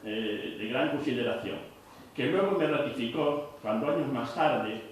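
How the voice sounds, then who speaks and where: A man's voice: mid-range voice, lively intonation, normal speed, slight background noise. Man reminiscing in a very echoey hall. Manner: reflective, hesitant, with fillers. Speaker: audience member. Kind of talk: personal reminiscence. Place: cultural centre hall. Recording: very echoey hall, distant mic.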